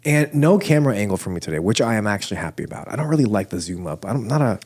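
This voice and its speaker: A nasal-voiced man hosts a church podcast, chatting casually and making jokes at his own expense, rambling and restarting as he goes. His voice is on the low side, expressive, rapid-fire and a little mellow.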